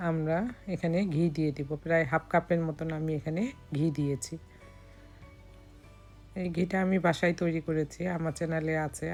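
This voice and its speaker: A hoarse woman from Bangladesh gives calm step-by-step recipe narration as a cooking vlogger. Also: low-pitched.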